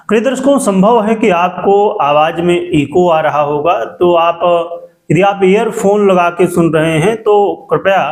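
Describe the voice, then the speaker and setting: A high-pitched man explains a horoscope at a calm, measured pace as an astrologer. An echo hangs on his voice, and he keeps turning to address his viewers directly.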